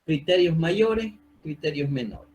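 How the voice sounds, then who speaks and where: A man's voice: a little high, lively intonation, a little slow, darkish tone, low-quality recording. A man giving an online medical lecture over a video call, explaining step by step and often checking in with his students. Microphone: computer mic on a video call.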